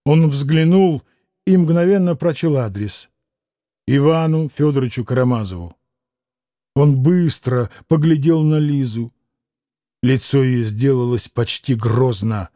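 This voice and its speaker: A man's voice: on the high side, dark tone, dry recording, clean studio sound. A man narrating a classic novel as an audiobook, reading steadily.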